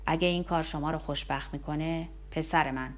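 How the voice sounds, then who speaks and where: A woman reading aloud, voicing a cheerful, conciliatory older man, in a low voice close to her own. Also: fairly even intonation, close to an everyday voice. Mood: elated. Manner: warm, conciliatory.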